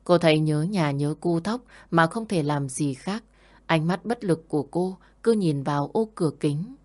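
A woman reading a story aloud in a steady, scripted narration. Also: low voice, moderate pace.

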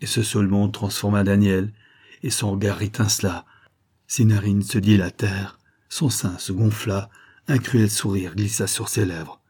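A man narrating a classic novel as an audiobook in a measured, steady reading. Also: lowish voice, slightly rough.

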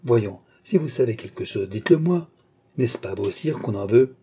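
A man voicing a wary young woman in an audiobook, speaking more softly and hesitantly. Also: medium pitch, animated, moderate pace, slight background noise, lightly acted. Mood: wary, pleading. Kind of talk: audiobook character reading.

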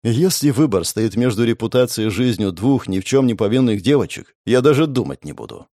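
A man narrating a first-person fantasy audiobook in a measured storytelling manner. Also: medium pitch, animated, warm tone, no echo, studio quality.

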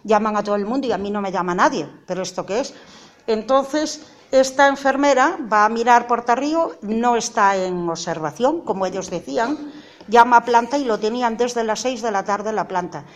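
A woman's voice: fairly high pitch, normal speed. Middle-aged woman telling her story. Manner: earnest, acts out dialogue, rises to indignant outbursts. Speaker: mother giving testimony. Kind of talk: emotional personal testimony.

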